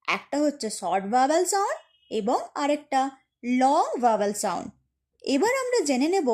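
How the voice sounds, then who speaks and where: A woman teaching an English grammar lesson, speaking to her students as friends and repeating each example word slowly and clearly. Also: high voice, a little mellow.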